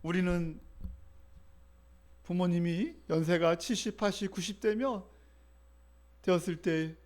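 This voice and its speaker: High-voiced middle-aged male pastor preaching. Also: fairly even intonation, slow, a little mellow. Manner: conversational, often asks the congregation for responses. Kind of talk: sermon.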